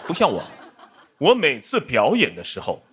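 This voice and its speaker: A man's voice: mid-range voice, wildly swooping pitch, normal speed. A middle-aged man from Shanghai delivering a self-mocking roast set with punchline timing on a studio stage. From Shanghai, China. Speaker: roast guest comedian and actor. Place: studio stage before a live audience. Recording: loud audience laughter and noise.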